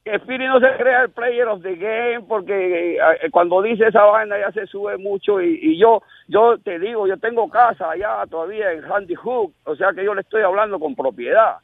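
A man's voice: high-pitched, animated, normal speed, creaky, few pauses, dry recording. A man in his sixties with a Caribbean Spanish accent calls a radio show, telling rambling stories in streetwise, profane slang. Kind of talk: casual rambling storytelling. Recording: radio call over a band-limited phone line.

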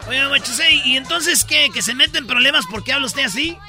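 A man doing a shrill teasing heckler. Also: brisk, music in the background. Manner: teasing, provocative questions.

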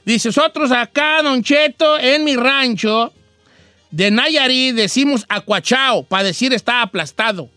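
A playful man with a western Mexican accent, hosting a chatty show in a very high, bright voice. The sound is dry and close, with faint music underneath. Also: a little slow, no room sound. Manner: playful, animated, explaining regional slang. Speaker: radio show host. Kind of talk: casual chat.

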